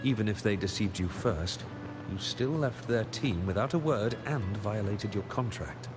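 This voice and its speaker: A man's voice: on the low side, lively intonation, moderate pace, lightly acted. An actor playing a shrewd male manager making a deal, blunt and businesslike. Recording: game audio with music behind.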